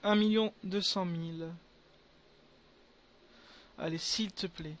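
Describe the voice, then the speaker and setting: A young man giving casual gameplay commentary to his viewers, excitable and full of crude slang. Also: sits high, slow. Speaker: gaming video creator.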